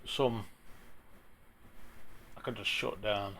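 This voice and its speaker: A man with a broad Yorkshire accent talking through an informal software tutorial in a plain-spoken, chatty way, with a gravelly voice. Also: lowish voice, fairly even intonation, slow pace. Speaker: tutorial presenter.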